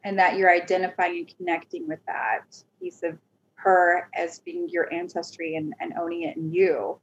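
A woman hosting a podcast interview, asking questions in a gentle, hesitant way with frequent filler words. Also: lowish voice, level tone, moderate pace, a little hiss or hum. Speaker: podcast host. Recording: dull lo-fi recording.

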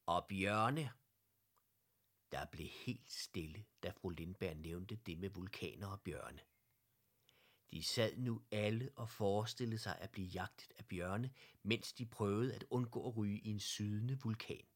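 A man reads a children's audiobook aloud, his voice sitting a little low. He keeps a gentle, lively storyteller's tone throughout. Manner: gentle, lively read-aloud voice that acts out every character.

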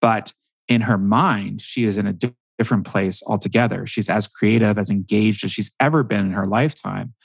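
Animated man telling stories, dry sound. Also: lowish voice, moderate pace, gravelly, husky, no echo. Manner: animated storytelling with frequent ums. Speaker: guest expert. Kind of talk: podcast interview.

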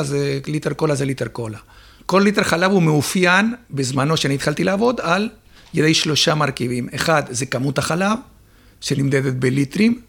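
Man, dairy expert, explains patiently with lots of pauses; gravelly, slightly husky voice sitting a bit high. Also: a bit bright. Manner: explains step by step with many filler pauses. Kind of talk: explanatory interview talk.

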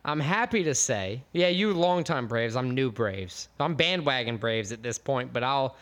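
A man's voice: mid-range voice, animated, a little slow, fairly bright tone. An American man co-hosting a podcast, chatting casually with enthusiastic, rambling jokes. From United States. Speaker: podcast co-host.

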